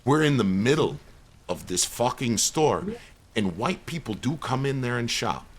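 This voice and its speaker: A man's voice: mid-range voice, measured pace. A man telling a long, profane story on a live gaming stream, acting out the people in it. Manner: profane, animated storytelling with quoted voices.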